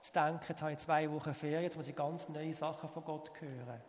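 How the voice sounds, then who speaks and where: Swiss German pastor preaching in a reverberant hall. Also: male voice, a little high, steady tone. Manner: emphatic rises and soft, slow pauses. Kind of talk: sermon.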